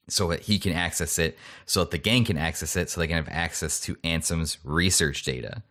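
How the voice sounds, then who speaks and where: A man's voice: low voice, fairly bright tone. A young man hosting a podcast, casually recapping a story with chatty asides and laughs. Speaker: podcast host.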